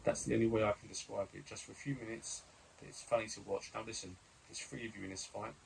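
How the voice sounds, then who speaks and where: A man's voice: on the low side, flat delivery, fast, creaky, a little hiss or hum, poor audio. A man voicing a friendly young male sailor crewmate, easygoing and confiding. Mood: explaining.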